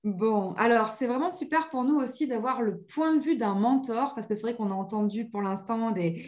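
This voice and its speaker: A woman's voice: a little high, normal speed, a little mellow. A woman hosting a podcast interview, enthusiastic and chatty, with frequent hesitations. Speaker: podcast host. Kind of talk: hosted interview.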